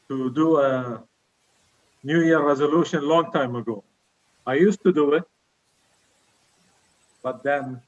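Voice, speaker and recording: A middle-aged man speaking in a measured, formal way as an evaluator addressing a club meeting. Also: fairly high pitch, muffled recording. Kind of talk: prepared public speaking.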